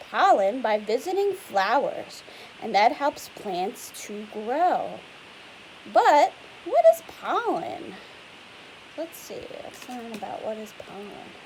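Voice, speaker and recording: This read-aloud lesson has a young teacher sharing a picture book with children, her somewhat high voice animated and lilting. She keeps up a chatty stream of explanations and questions for the kids. The recording is low quality, with a faint hiss running through it.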